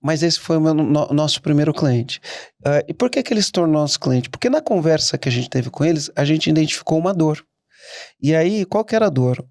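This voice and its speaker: A middle-aged man, a guest entrepreneur telling stories in a casual interview, animated and quick to restart his sentences. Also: a little high, no room sound, studio quality. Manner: animated, anecdotal, frequent restarts.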